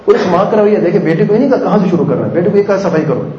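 A man's voice: high-pitched, expressive, dark tone, echoey room, muffled recording, slight background noise. A man giving a sermon on parenting in a conversational way, acting out family exchanges and asking rhetorical questions. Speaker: preacher.

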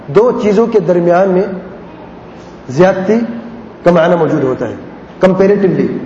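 A man teaching Arabic grammar in a classroom lesson. He repeats word patterns patiently and asks questions that he then answers himself. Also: dark tone. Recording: echoey hall, dull lo-fi sound, faint rumble.

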